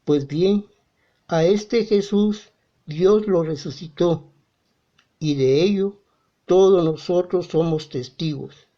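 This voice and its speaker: A lector with a Guatemalan accent reading scripture at mass in a slow, measured way. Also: medium pitch, dark tone. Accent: Guatemalan Spanish. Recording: dull muffled sound.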